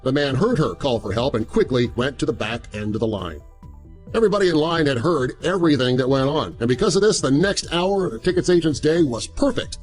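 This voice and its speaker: A man reading a scripted story as a narrator, in an animated storytelling manner. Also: medium pitch, brisk. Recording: music under the voice. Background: background music.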